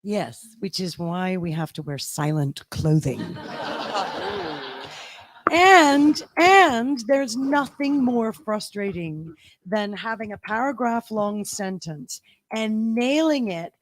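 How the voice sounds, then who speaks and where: Woman, slow unhurried speech, dry close sound, wry, panel narrator. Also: medium pitch, big pitch swings, no room sound. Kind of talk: convention panel talk.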